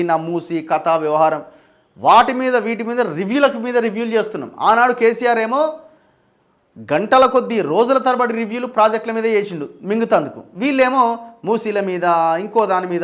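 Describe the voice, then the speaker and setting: A man with a Telangana Telugu accent delivers news commentary with a raised, fairly high voice. He sounds urgent and critical, piling up lists of items and pressing sharp questions as a journalist hosting his own channel. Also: lively intonation, fairly quick.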